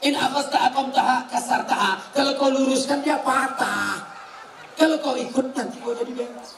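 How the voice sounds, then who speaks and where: A man preaching a humorous sermon to a live audience, answering their questions with teasing jokes and swinging from soft asides to shouted points. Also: very high-pitched, normal speed, creaky, background noise. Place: large hall with a live audience. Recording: echoey hall, distant, crowd laughter.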